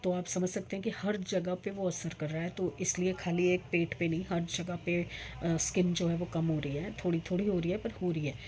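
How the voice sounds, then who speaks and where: Middle-aged woman vlogger, low mellow voice, rambling chatty delivery, faint background noise. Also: little pitch movement, moderate pace. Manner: rambling, chatty, many fillers. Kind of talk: casual vlog chat.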